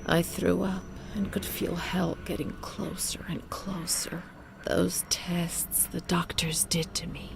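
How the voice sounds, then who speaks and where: A woman voices a haunted, fragile young ex-asylum patient in a narrative game, speaking a slow, faltering confession in a breathy voice that frequently sinks to a whisper. Her pitch is fairly low and her tone level, the mood traumatized and anguished, with music in the background.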